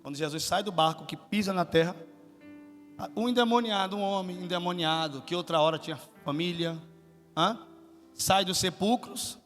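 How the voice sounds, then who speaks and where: A man from Salvador preaching a sermon as guest pastor, questioning the congregation and rising to shouted peaks. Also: sits high, normal speed. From Salvador, Brazil. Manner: asks the congregation questions, builds to shouted climaxes. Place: church hall. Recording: long hall reverb with faint music.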